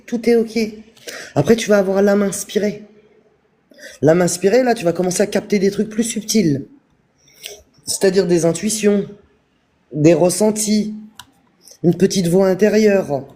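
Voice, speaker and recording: A man giving a calm, repetitive spiritual talk on a live stream, speaking straight to his viewers. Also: sits high. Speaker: spiritual teacher.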